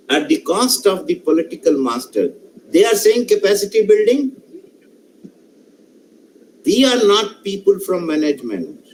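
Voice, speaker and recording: A man's voice: high voice, a little mellow, slight background noise, low-quality recording. A male professor with an Indian English accent, giving an online lecture and putting questions to participants, speaking emphatically and often repeating and restarting phrases. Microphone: online session microphone.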